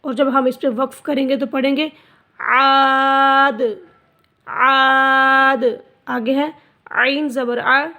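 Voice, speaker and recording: A woman teaching Quran recitation, spelling out letters and vowel marks, then drawing out each word slowly for the learner. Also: high-pitched, a bit bright. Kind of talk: slow spelled-out recitation lesson.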